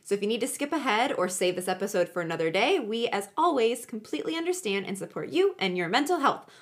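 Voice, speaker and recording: A woman's voice: a little high, lively intonation, fast. A woman hosting a podcast, narrating true crime in a chatty, conversational way with joking asides. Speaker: podcast host.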